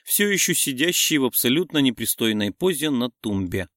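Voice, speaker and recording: A man narrating a romance audiobook in a steady, even reading voice. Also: medium pitch, moderate pace, no echo, clean studio sound. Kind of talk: scripted narration.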